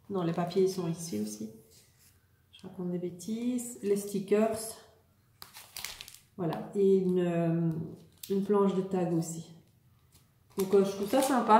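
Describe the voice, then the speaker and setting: Mellow-voiced woman chatting through a haul. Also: mid-range voice, slow, long pauses, roomy sound, a little hiss or hum. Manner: relaxed, chatty, many hesitations. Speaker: vlogger showing a shopping haul. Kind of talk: casual haul video.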